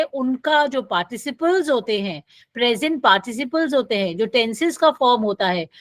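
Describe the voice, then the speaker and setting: A woman's voice: a little high, no echo. A woman lecturer, teaching a grammar class and reading example sentences aloud with careful stress. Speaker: English lecturer.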